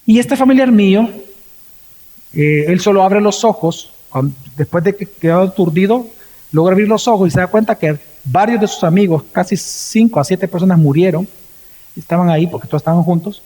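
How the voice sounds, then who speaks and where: A Salvadoran man, a pastor, preaching a sermon and telling a story, acting out the quoted words with sharp swings in pitch. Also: normal speed. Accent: Salvadoran Spanish. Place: church. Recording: long reverb of a church hall.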